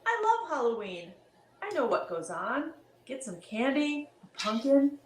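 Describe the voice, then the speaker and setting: A woman's voice: high voice, big pitch swings, measured pace, slight background noise, voice pushed up. A woman voicing a confident young girl in a storybook reading, offhand and self-assured. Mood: breezy. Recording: roomy echo.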